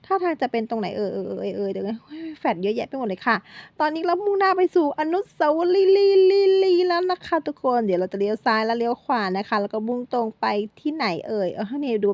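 A middle-aged woman vlogs about a day trip in a slightly high voice, chatting directly to her viewers and joking as she playfully corrects herself. The lo-fi recording has no room sound.

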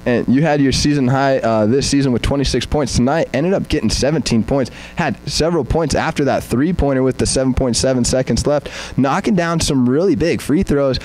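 A man's voice: medium pitch, brisk, a little mellow, poor audio. Young male sideline interviewer, mid-range voice, upbeat, long rambling questions. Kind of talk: postgame sports interview. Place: press backdrop indoors. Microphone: handheld mic.

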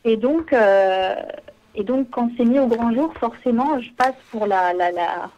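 A woman calling a radio show, confiding her problem hesitantly with many pauses. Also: on the high side, a little mellow, highs cut off, a little hiss or hum. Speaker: caller. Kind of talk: phone-in call.

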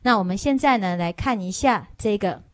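A woman's voice: mid-range voice, moderate pace, dry recording. A Buddhist nun giving a sermon, telling a story, tagging her phrases and putting questions to listeners. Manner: storytelling lecture with frequent "hao" and "ha" tags. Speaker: Buddhist nun teaching a sutra.

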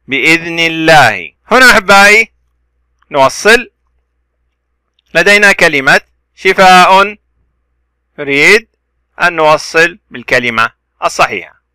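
Bright, clear-voiced male reading teacher. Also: fairly high pitch, no room sound. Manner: spells out letters slowly and stretches the words; bright, clear, dry close voice. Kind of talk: children's reading lesson.

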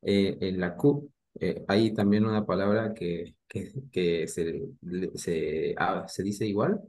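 A man's voice: deep voice, steady tone, slow pace, darkish tone. A man, a student, asking a hesitant question with many fillers.

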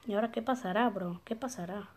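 A woman's voice: mid-range voice, fast. A woman hosting a gameplay video, chatting casually as she plays and thinking aloud, with sudden surprised exclamations.

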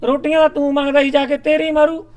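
A man's voice: very high voice, little pitch movement, fast, darkish tone. A man with a Punjabi accent acting in a village drama, coaxing and placating a brother.

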